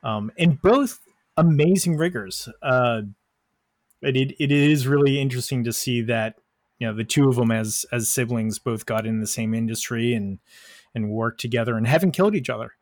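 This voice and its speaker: Casting note: man, mid-pitched voice, casual podcast host, dry close sound. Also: moderate pace, no room sound. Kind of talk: casual chat.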